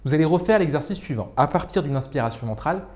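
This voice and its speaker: A middle-aged man teaching public speaking in a video lesson, demonstrating exercises with expressive shifts in pace and volume. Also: fairly high pitch, fast talker.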